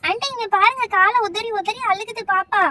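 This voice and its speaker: A woman's voice: very high voice, moderate pace, sharp tone. A woman voicing an eager chatty little girl. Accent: Tamil. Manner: eager, keeps calling out for aunty. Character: excited little girl helper, chatty and nosy.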